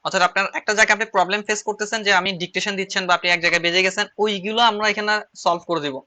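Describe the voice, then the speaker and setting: A man's voice: sits high, fairly even intonation, rapid-fire, sharp tone. A man with a Chittagong Bengali accent teaching an online shorthand class, explaining rules step by step and repeating key phrases as he writes on slides.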